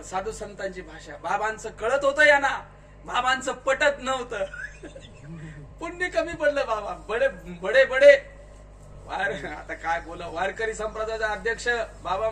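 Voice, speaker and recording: A man giving a spiritual discourse in a large tent, questioning the listeners and telling them to answer louder. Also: high voice, expressive, moderate pace. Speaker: kirtankar preacher. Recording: distant mic with faint noise.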